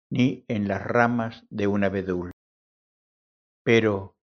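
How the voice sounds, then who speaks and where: A man giving a solemn, declamatory literary reading of a first-person monologue, with long pauses between phrases. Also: on the low side. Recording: dull lo-fi sound.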